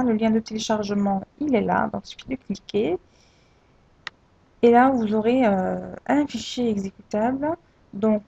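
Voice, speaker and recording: A woman narrating a screen-recorded software tutorial, hesitant and full of fillers and restarts. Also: fairly high pitch, creaky, husky. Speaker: tutorial presenter. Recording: dull lo-fi home recording.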